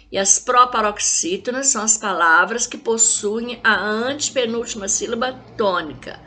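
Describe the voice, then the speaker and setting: A woman from Brazil teaches a recorded lesson to young pupils, her voice pitched a little high and bright and forward. She keeps checking in with the children and stretches example words out slowly so they can follow.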